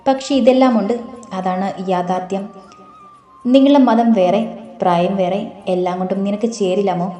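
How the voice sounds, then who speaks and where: A woman's voice: mid-range voice, fairly even intonation, normal speed, dark tone, soft background music, natural voice. A woman voicing a blunt young female friend giving frank advice in a storybook reading. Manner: blunt and teasing. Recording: roomy echo.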